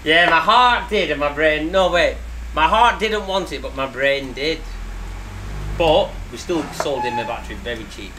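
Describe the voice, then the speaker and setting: Bright, lively man bantering. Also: on the high side, normal speed, a little hiss or hum, rough recording. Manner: teasing banter, laughs often. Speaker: scrapyard owner vlogger. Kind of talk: casual jokey vlog chat. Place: car breakers' yard workshop.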